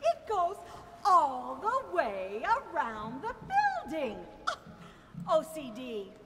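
A bubbly young coffee buff who squeals and exclaims, as a woman from a chorus plays her on stage. Her very high voice leaps around, slow and drawn out. A long hall echo and stage noise sit behind her. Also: heavily acted. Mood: excited. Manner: excitable, bouncy, exclaiming. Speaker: skit performer in a women's chorus. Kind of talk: stage comedy skit. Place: large auditorium stage. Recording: echoing hall, live stage.

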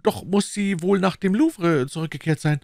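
A man's voice: high-pitched, moderate pace, creaky, darkish tone, dry recording, clean studio sound, pitched above the performer's own voice. A man voicing a timid, nervous middle-aged shopkeeper who pleads and stammers, in a storybook reading. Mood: anxious.

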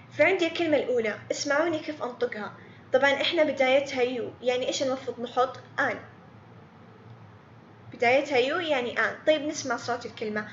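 High-voiced woman teaching English. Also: reverberant, highs cut off, a little hiss or hum. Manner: patient, repeats words slowly, quizzes students by name. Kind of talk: online lesson explaining grammar.

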